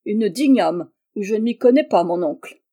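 A woman's voice: mid-range voice, expressive, moderate pace, mellow, close to an everyday voice. Woman reading stern old sergeant Mathurin. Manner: firm, threatening. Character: stern former male sergeant, burly and loyal.

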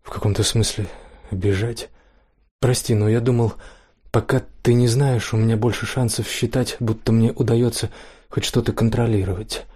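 A man reading an intimate first-person story aloud in a quiet, hushed way. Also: lowish voice, level tone, normal speed, husky.

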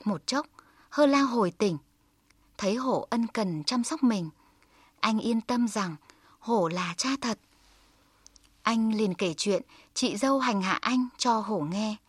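A woman tells a folk tale in a calm, measured voice. She reads slowly, with a slightly high pitch. The recording is dry and close. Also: slightly rough, no room sound. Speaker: storyteller.

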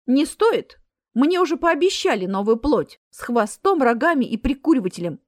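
A cheeky young female ghost, eager and pert, chattering in a bright high voice, as a woman acts her out. Her lines bounce across a wide range, recorded dry and close. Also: big pitch swings, moderate pace, no echo. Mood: offended.

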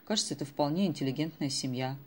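Brief: brisk, anxious middle-aged mother, sharp and wry, read by a woman narrator. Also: sits low.

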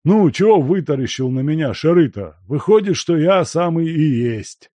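A man voicing a hoarse, blunt old gray-haired male gold miner who talks coarsely and teases. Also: a little high, expressive, moderate pace, warm tone, dry recording, voice pushed up, close to an everyday voice. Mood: gruff.

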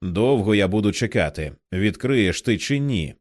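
A man doing a quick-tempered young man, brisk, determined, animated low voice, dry sound. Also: dry recording.

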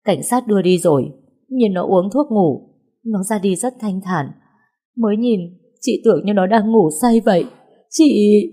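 A woman's voice: medium pitch, fast talker, hardly any pauses, dark tone, pitched above the performer's own voice, natural voice. A woman narrator voicing a grief-stricken young woman friend who speaks through choked tears. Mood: tearful. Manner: choked, tearful pleading.

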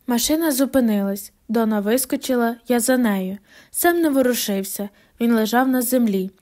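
A woman's voice: fairly high pitch, darkish tone. A woman narrating an audiobook in first person, reading the dialogue lines without big character voices. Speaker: audiobook reader.

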